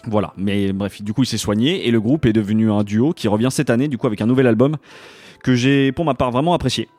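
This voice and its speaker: Relaxed man presenting music tracks. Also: medium pitch, fast talker, no echo. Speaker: music show co-host. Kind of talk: casual music chat and presenting.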